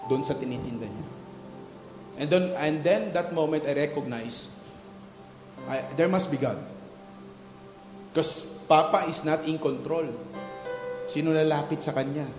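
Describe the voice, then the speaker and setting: A pastor preaching a sermon, telling a story of his childhood and rising into emphatic preaching, mixing English into Tagalog. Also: a little high. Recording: echoey hall with faint music.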